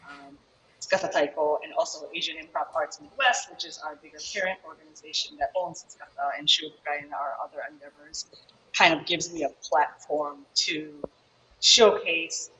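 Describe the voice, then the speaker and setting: A taiko performer from Chicago, USA, whose first language is Japanese, answers interview questions casually in a deep, bright, forceful voice at normal speed. She rambles with many fillers, speaking over a shared mic on a video call that sounds muffled with slight background noise.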